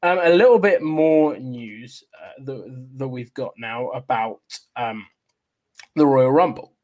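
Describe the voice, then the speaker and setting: A man hosting a wrestling news show in a casual, chatty style, often halting and restarting his sentences. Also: mid-range voice, lively intonation, darkish tone.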